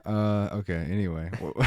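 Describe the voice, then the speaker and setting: Man, low pitch, mellow dark tone, casual movie review chat, sarcastic, dry close sound. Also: fairly even intonation, unhurried, no echo. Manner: opinionated, sarcastic. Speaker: podcast co-host.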